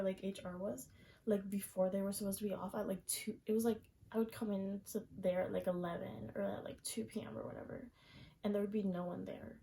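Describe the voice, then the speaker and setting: Young female vlogger, gravelly and low-toned, exasperated slangy rant, faint room noise. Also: warm tone, low-quality recording. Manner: exasperated, slangy, swears a lot. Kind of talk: casual venting rant.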